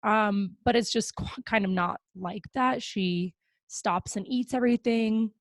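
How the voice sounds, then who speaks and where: Recorded with no room sound on a close podcast mic, this young adult woman hosts a casual, upbeat chat full of fillers. Her mid-range voice keeps a measured pace.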